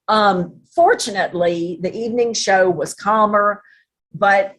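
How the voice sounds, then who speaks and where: Chatty woman with a husky voice. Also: mid-range voice. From North Louisiana. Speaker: host. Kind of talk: casual presentation.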